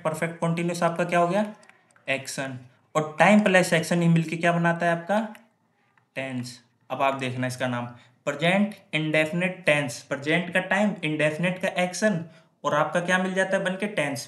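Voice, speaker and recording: A man's voice: fairly high pitch, a bit bright. A male grammar teacher lecturing in Hindi, asking and answering his own questions and repeating example sentences. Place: classroom with whiteboard. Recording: echoey room.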